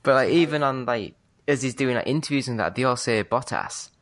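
A British man co-hosting a podcast, chatting in a relaxed way and often hedging what he says. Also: mid-range voice, quick pace. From Britain. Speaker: podcast co-host. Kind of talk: casual chat.

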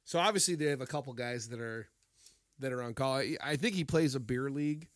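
A man's voice: medium pitch, brisk, dry recording, clean studio sound. A man co-hosting a podcast, telling stories in casual chat, acting out quotes and laughing often. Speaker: podcast co-host.

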